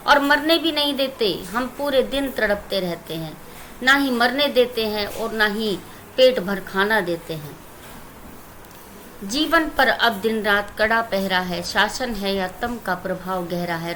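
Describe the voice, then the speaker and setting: Female Indian teacher, fairly high voice, reads verse and then explains it to students, faint hiss behind. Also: fairly bright tone, low-quality recording. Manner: recites verse lines, then explains them plainly to students. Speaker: Hindi teacher. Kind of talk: poem explanation lesson.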